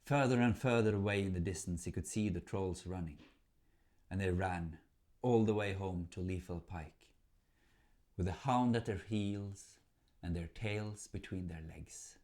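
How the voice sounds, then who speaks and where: Telling a folk tale, a man uses a fairly low, slightly mellow voice. His narration is measured and theatrical, built like spoken storytelling meant for listeners.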